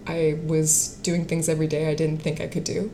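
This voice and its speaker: A woman's voice: low voice, monotone, brisk, mellow, a little hiss or hum. A woman in her late twenties, a singer-songwriter and actress, chatting in an interview with fillers and frequent laughter. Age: late 20s. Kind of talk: casual interview chat.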